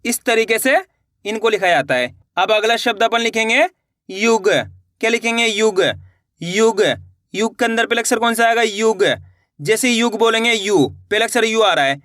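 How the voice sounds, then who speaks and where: High-voiced man teaching step by step. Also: moderate pace, sharp tone, no room sound, clean studio sound. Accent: Hindi-speaking India. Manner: repeats words, asks and answers own questions. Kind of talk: step-by-step lesson.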